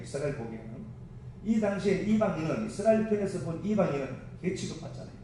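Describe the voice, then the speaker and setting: Animated Gyeongsang-accented pastor preaching. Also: male voice, on the high side, noisy background. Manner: animated, joking, direct to the congregation. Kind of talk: sermon. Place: church sanctuary. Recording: echoey church hall from far off.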